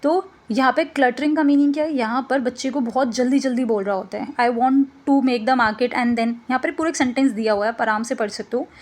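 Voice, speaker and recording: A woman's voice: high-pitched, fast, hardly any pauses. A woman teaching an exam-prep lesson, explaining slides casually and often checking in with "ठीक है". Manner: casual explanatory, mixes English terms, frequent "ठीक है" check-ins.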